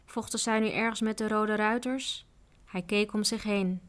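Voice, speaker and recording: A woman narrating a children's adventure book aloud in a steady, even reading voice. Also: medium pitch, normal speed. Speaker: audiobook reader. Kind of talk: storybook narration.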